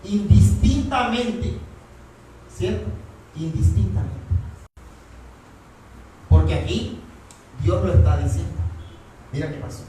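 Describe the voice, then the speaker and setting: A pastor with a somewhat high, warm voice preaches a sermon at normal speed, pausing often and putting rhetorical questions to his congregation. He sounds distant in an echoey church hall, with a little hiss or hum.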